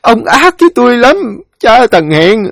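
A man's voice: very high voice, very animated, very slow, vocal fry, no room sound, clean studio sound, pitched above the performer's own voice, heavily acted. A man voicing a grief-stricken elderly widow who sobs and pleads in a lament for her husband. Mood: wailing.

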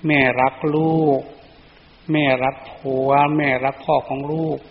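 A monk voicing a devout mother ghost soothing her children, in a soft pleading way. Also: medium pitch, little pitch movement, measured pace, natural voice. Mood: tender, pleading. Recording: echoey dull lo-fi recording.

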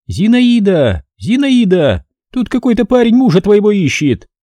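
A man putting on a booming nosy neighbor woman. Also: sing-song, normal speed, no room sound, heavily acted. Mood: calling out. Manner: booming, shouted calls from a window. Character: loud nosy middle-aged woman neighbor.

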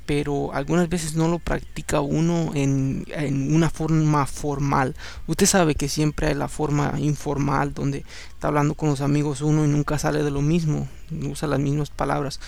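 A man with a fairly high, level voice at normal speed, a little mellow with vocal fry, hosts a podcast where he reads the Bible aloud. A native Spanish speaker with English as his second language, he sounds tired late at night and adds conversational asides, slipping in English words.

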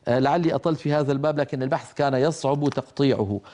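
Mellow-voiced man teaching Quran recitation. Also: mid-range voice. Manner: explains then demonstrates pronunciation, chanting verses slowly. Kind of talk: tajweed lesson.

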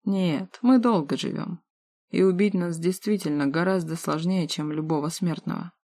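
A woman's voice: lowish voice, moderate pace, darkish tone, no echo. A woman voicing a big, cheeky man who has lived for centuries, brash and mocking, in an audiobook. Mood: teasing.

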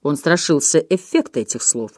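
A woman narrating a novel aloud in an expressive storytelling manner. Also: sits low, normal speed, no echo, clean studio sound. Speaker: audiobook reader. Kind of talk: scripted narration.

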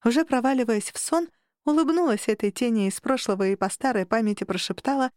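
Expressive woman audiobook narrator. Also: fairly high pitch, quick pace, no echo, clean studio sound. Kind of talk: first-person audiobook narration.

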